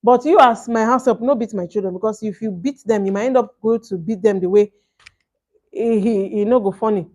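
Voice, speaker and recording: A woman's voice: a little high, fairly quick, darkish tone. A woman in her thirties with a Nigerian accent vlogs a personal story in casual, emphatic talk, slipping between English and Pidgin and acting out what was said. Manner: emphatic, acts out reported exchanges. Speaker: vlogger telling a personal story.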